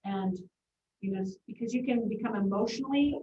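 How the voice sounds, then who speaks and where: A woman district administrator explains policy in a measured, reassuring way. She is heard from a distance in a roomy meeting hall. The audio is dull and boxy. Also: medium pitch, dark tone, slight background noise. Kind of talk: board meeting remarks. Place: board meeting room.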